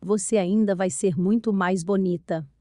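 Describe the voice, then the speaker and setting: A woman voicing a loving mother who gently and patiently reassures her teenage daughter. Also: medium pitch, fairly even intonation, dry recording, studio quality, close to an everyday voice. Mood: reassuring. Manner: gentle, reassuring, explaining slowly.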